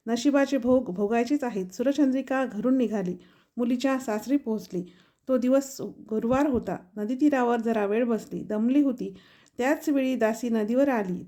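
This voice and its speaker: A woman reading aloud a devotional folk story in a steady, measured storytelling manner. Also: a little high.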